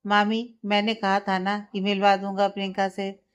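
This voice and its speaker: A serious young lawyer, read by a woman narrator, keeping his irritation in check as he talks firmly. The voice is clear and smooth, close to the reader's own. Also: medium pitch, completely flat delivery, normal speed, natural voice. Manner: firm, restrained irritation. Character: serious, short-tempered young male lawyer.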